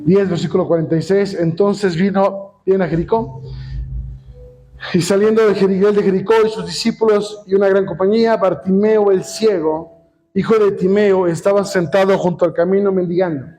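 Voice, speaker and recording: A man's voice: high-pitched, fairly even intonation, normal speed, warm tone. A man with a Mexican accent preaching a sermon as a pastor, firing rhetorical questions at the congregation and calling them brothers. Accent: Mexican Spanish.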